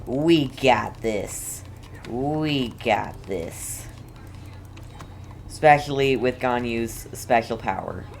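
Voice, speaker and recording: A video game streamer chats with viewers and gives casual live commentary, pausing and frequently repeating words. The voice is mid-range, animated, and gravelly, with slight background noise.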